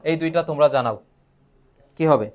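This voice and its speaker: Man teaching grammar, a little high. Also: brisk. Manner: asks questions and answers them himself. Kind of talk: live online grammar lesson.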